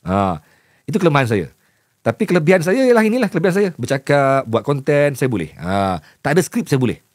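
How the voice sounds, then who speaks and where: Talking casually to camera, a man who works as a news journalist and voice-over producer speaks with a Malaysian Malay accent, blending in English while stuttering and repeating words. He talks a little fast in a slightly high voice with big pitch swings. The audio is studio quality, free of echo.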